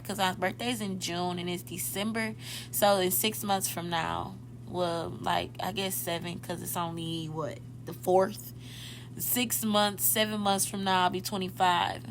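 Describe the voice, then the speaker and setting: A woman in her twenties hosts a casual motivational podcast, talking directly to her listeners and often correcting herself mid-thought. Her voice is fairly low in pitch with a fairly bright tone, over a little hiss or hum.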